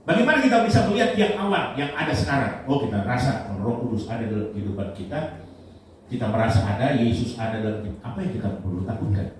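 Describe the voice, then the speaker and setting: A male pastor preaching a sermon, animated, with sudden loud emphatic lines and low asides. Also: fast talker. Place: church hall. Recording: echoey church hall, mic at a distance, light noise.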